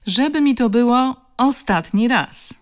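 A woman voicing a tough, rough-spoken woman with a strong, guttural voice who scolds bullies. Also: lowish voice, animated, moderate pace, a little mellow. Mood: scolding.

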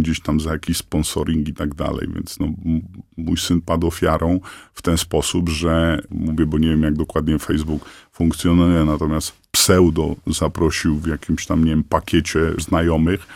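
Disguised deep gravelly man, halting. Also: little pitch movement, a little mellow, dry recording, clean studio sound. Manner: halting, many fillers and restarts. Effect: voice disguised, pitched down. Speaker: anonymous father interviewed on radio. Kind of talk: hesitant interview answers.

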